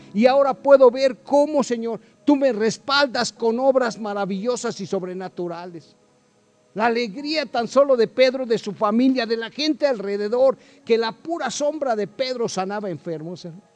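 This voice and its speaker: Pastor with a high voice preaching a sermon, reading scripture, questioning the congregation, faint music underneath. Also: male voice, darkish tone. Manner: preaching with Bible readings and direct questions to the listener.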